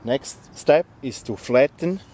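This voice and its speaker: Taking his time, a man with a dark, mid-range voice and a breathy edge explains a bushcraft task step by step in a forest. He is an instructor, a native German speaker, giving a plain and friendly outdoor tutorial.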